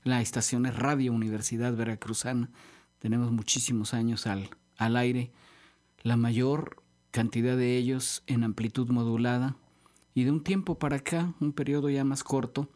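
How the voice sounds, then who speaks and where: Mexican man, radio host, studio mic, rambling chatty talk, lots of fillers, middle pitch. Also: a little mellow. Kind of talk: relaxed studio radio chat. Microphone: studio microphone.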